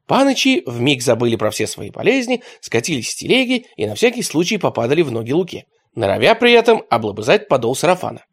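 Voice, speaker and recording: Expressive male audiobook narrator. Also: medium pitch, quick pace, few pauses. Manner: expressive, storytelling.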